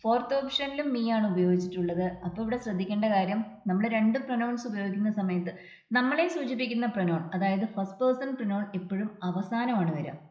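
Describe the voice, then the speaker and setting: Woman tutor in an echoey room. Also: mid-range voice. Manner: explains step by step, reads English example sentences slowly. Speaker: English exam tutor. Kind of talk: exam prep lesson. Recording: dull echoey room recording.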